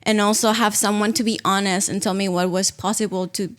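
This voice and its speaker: As a podcast guest, this woman in her thirties from Peru, whose first language is Spanish, shares a casual personal account, now and then hunting for the right word. She speaks briskly at medium pitch, with a steady, slightly bright tone.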